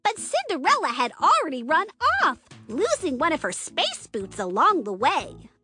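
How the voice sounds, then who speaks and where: A woman narrating a scripted children's story with animated, dramatic build-up. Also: sits high, moderate pace, faint music behind.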